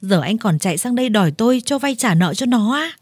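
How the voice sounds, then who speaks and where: A woman voicing a furious older village woman who scolds her brother in a harsh, shouting manner. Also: on the high side, animated, fast talker, slightly rough, no room sound, clean studio sound.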